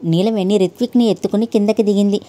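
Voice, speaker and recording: Mellow-voiced woman telling a story. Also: medium pitch, steady tone, fast talker. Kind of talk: narrating a Telugu story, voicing every character.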